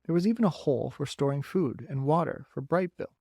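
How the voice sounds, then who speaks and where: Male narrator, children's audiobook, steady storytelling, fairly high voice, dry close sound. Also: brisk, no room sound. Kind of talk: reading a children's novel aloud.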